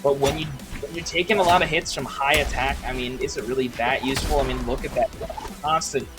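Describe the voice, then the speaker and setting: A man's voice: mid-range voice, fairly even intonation, a little fast. Man commentating like a fighting game announcer. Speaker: esports match commentator. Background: music playing behind the voice.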